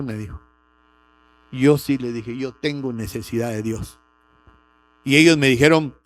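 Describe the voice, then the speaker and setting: A middle-aged man, preaching a sermon with a personal testimony and rising sharply on key words. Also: mid-range voice. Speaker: pastor.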